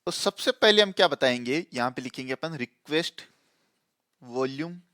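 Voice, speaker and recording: A man's voice: mid-range voice, lively intonation, moderate pace, a bit bright, no room sound, studio quality. A man teaching a programming lesson in a casual tone, repeating points and checking that listeners follow. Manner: explains with repetition and frequent checks on the listener. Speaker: programming tutor.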